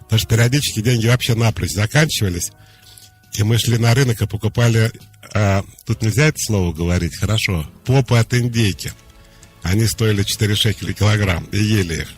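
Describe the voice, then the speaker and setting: A man hosts a radio advice show as a psychologist, his voice sitting low as he explains things calmly and plainly. He gives direct instructions to callers. Faint music plays behind him. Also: a little fast.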